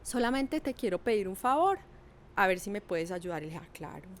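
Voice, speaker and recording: A middle-aged woman, telling a personal story in a lively, animated way with acted quotes. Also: mid-range voice, a little fast, slight background noise. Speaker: podcast guest. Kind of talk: casual storytelling.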